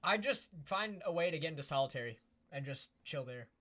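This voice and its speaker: A young man with a nasal voice co-hosts a casual livestream and tells stories with deadpan jokes. His pitch is lively and a bit high. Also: a little fast. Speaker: stream co-host. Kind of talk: casual chat.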